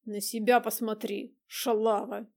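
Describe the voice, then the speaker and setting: A woman voicing an angry, jealous young man with a coarse, shouting manner in an audiobook. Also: fairly high pitch, little pitch movement, measured pace. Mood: sneering.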